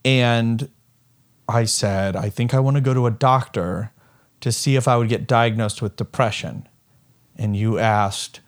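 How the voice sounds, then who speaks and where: Young adult man, son, candid personal conversation, hesitant, lots of fillers, mid-pitched voice.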